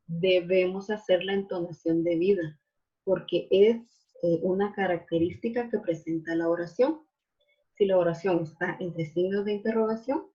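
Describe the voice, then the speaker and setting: A woman's voice: fairly low pitch, dark tone. A woman teacher giving a recorded class lecture, explaining patiently with frequent fillers and tag questions. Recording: dull lo-fi audio.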